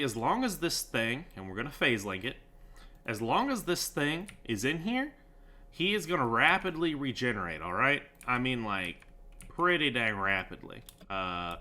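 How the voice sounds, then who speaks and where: A man's voice: mid-range voice, sing-song, a little slow, pushed and bright. A man giving casual, joking commentary over a sandbox game, talking sarcastically with lots of fillers. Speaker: gaming YouTuber.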